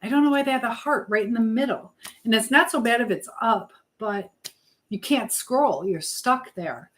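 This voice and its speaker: A woman with a higher-pitched voice hosts a casual live chat at a moderate pace, rambling and trailing off mid-thought as she talks to viewers and reads their comments. There's slight background noise.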